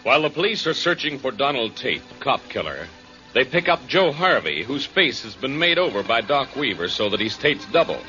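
A man announcing and recapping the story in an old-time radio drama, with a crisp announcer's delivery and an old radio show broadcast sound. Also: medium pitch, big pitch swings, fairly quick, over music. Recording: dull lo-fi vintage radio recording.

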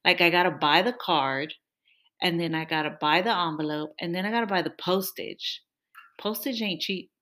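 Her voice sits lowish, bright and forceful, at a moderate pace. A young podcast co-host from a Mexican-American family, she chats casually with her partner, laughing a lot and complaining in a playful way.

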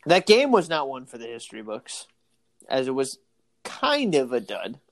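A man co-hosting a casual sports podcast, excitable and laughing often, tired from an early morning. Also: mid-range voice, normal speed, dry recording. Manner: excitable, laughs often, acts out quoted exchanges. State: tired, yawning. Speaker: podcast co-host.

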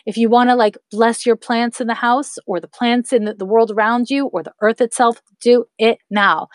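In her thirties, this woman hosts a podcast where she offers casual spiritual advice and encourages listeners she calls her loves. Her voice sits a little high with fairly even intonation and a normal pace. The recording is dry and close, with no room sound.

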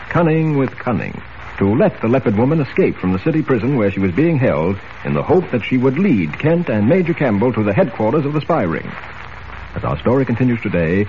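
Man narrating an old radio show. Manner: measured storytelling, lively pitch. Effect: old radio show broadcast. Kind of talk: 1940s radio drama narration. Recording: lo-fi old radio recording with faint hiss.

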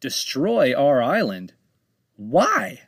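A man voicing a brash, excitable male pirate captain in a storybook, raising his voice and pitching up sharply. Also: extremely slow, gravelly, husky, no room sound, studio quality, full character voice. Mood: defiant. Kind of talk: storybook read-aloud.

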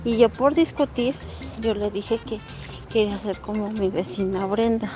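A woman's voice: medium pitch, normal speed, over music. A woman telling a childhood story in a matter-of-fact way.

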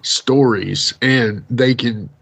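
A man's voice: medium pitch, gravelly, fairly bright tone, husky. A man co-hosting a podcast in casual chat, agreeing readily and telling fond memories. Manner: chatty, quick to agree and laugh along. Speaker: podcast co-host.

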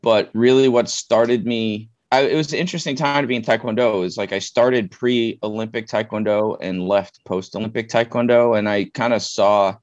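Low-voiced middle-aged New man, muffled sound. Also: fairly even intonation, moderate pace, few pauses, no echo. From Queens, New York. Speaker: interview guest, martial arts coach. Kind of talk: casual interview conversation.

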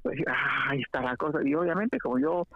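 A man's voice: medium pitch, fairly quick, sharp tone, dry recording. Fields: Sex: man. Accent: Guatemalan Spanish. Role: radio co-host. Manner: reflective storyteller in casual chat. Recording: dull lo-fi radio.

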